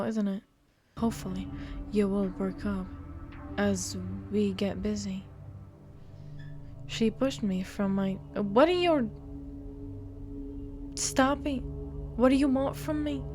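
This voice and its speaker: With a medium-pitched, darkish voice, this woman streamer reads from a visual novel as part of a game walkthrough. She fumbles words now and then and cuts in with blunt, playful commentary.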